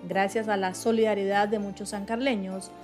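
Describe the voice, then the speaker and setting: A woman's voice: medium pitch, level tone, moderate pace, over music. Woman reading a news voice-over. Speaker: news reporter. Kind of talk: scripted news narration.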